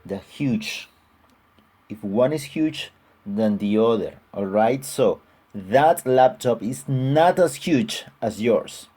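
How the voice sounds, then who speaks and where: Slow, husky-voiced male teacher. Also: mid-range voice, animated, mellow. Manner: patient, repeats examples, frequent "all right?" checks. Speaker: English teacher. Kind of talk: online grammar lesson.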